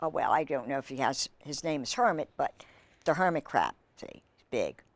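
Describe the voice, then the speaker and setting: A woman with a bass voice reads a picture book aloud to children at a normal speed, sounding expressive throughout. She pauses to ask questions and gush over the pictures, and the recording is dry.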